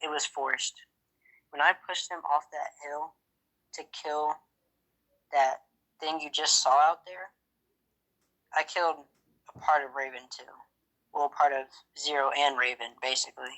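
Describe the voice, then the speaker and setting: A man with a bright, forceful voice plays his character in a game roleplay. He speaks haltingly, stops and restarts often, and fills the gaps with little fillers. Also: on the high side, steady tone, low-quality recording. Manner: hesitant, halting, full of fillers. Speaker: roleplay player.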